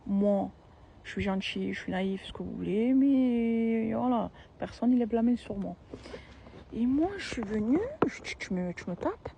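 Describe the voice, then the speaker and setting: A woman's voice: a little high, unhurried, gravelly, warm tone, a little hiss or hum. Slangy young woman. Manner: slangy, repetitive, emphatic. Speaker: storyteller. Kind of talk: casual storytime vlog.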